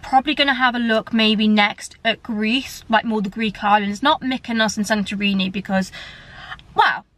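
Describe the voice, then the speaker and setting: A young woman vlogs from a parked car, talking to a camera she holds close at arm's length. Her mid-range voice is steady and fairly bright, moving at a normal speed as she rambles chattily with plenty of fillers. The recording is dry.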